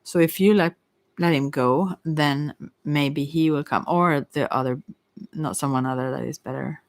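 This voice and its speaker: A psychic reader gives unscripted spiritual advice in an ASMR style, gently and consolingly, though haltingly, rambling and often correcting herself. Her voice is middle-pitched with fairly even intonation, and the recording is very dry with no echo and little room sound.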